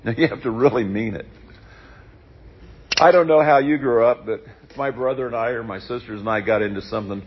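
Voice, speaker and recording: A man preaching a sermon in church, reading scripture and adding relaxed, conversational asides about everyday life. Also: mid-range voice, muffled recording, a little hiss or hum.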